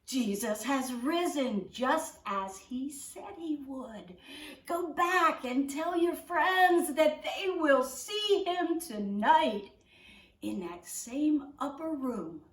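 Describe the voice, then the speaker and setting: A woman voicing a calm, gentle angel who speaks softly and reassuringly, in an echoey room with the mic far off. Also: high voice, takes it slowly.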